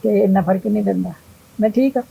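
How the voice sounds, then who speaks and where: A woman's voice: medium pitch, fairly quick, vocal fry, warm tone, breathy edge, rough recording. An older woman, telling her story plainly in an interview. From Punjab. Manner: plain storytelling, retelling others' words. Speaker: interview guest. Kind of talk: emotional interview.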